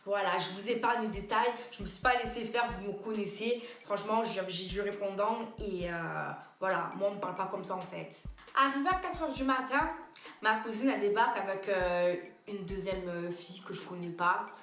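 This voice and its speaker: A woman's voice: mid-range voice, moderate pace. Chatty young woman vlogging a storytime, slangy and fired up, echoey room w faint music. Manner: chatty, animated, slangy, swings into loud indignant quotes. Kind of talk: casual storytime to camera.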